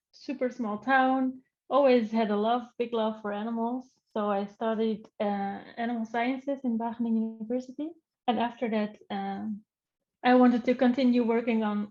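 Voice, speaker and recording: A woman's voice: fairly high pitch, a little mellow, highs cut off. A young woman with a Dutch accent, a researcher speaking English in a cheerful, easygoing interview chat over a video call. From Netherlands. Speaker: animal welfare researcher, guest.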